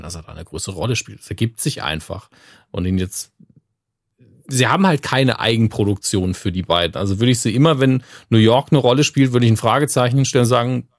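A man with a low, gravelly voice reasons his points through in casual podcast chat. The recording is close and dry, with no room sound. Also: no echo.

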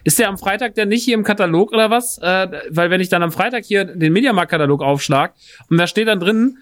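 A man's voice: high voice, quick pace. A young man on a podcast telling a story in casual chat, acting out the other people's lines as he goes. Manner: animated, acts out voices in anecdotes. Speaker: podcast co-host.

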